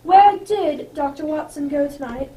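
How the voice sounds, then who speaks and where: A woman's voice: high-pitched, unhurried, mellow. A woman playing a blunt, eager male police inspector in an amateur radio drama. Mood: eager, puzzled. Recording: echoey room, distant microphone, background noise.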